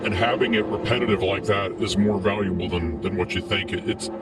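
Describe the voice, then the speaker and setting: A man's voice: low voice, steady tone, brisk, far from the mic, over loud music. A man giving thoughtful analysis during a live car race broadcast, repeating himself a little as he explains.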